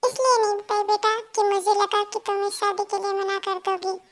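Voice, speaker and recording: A mother-in-law in a fan audio story, calm and matter-of-fact, read by a woman. The voice is extremely high but a bit quieter. She speaks in a soothing, patient way.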